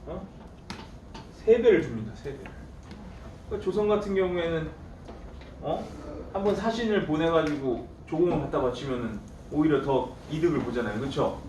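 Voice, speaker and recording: A man's voice: fairly high pitch, moderate pace, pauses often, a little mellow. A man teaching history to a class, putting questions to the students and answering them himself in a playful, teasing way. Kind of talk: classroom lecture. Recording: roomy classroom from far off, faint noise.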